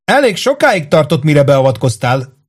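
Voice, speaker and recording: A man voicing a tall, sharp-tongued young woman swordfighter in an audiobook, speaking coldly and scornfully. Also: on the high side, big pitch swings, voice pushed up. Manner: cold, scornful.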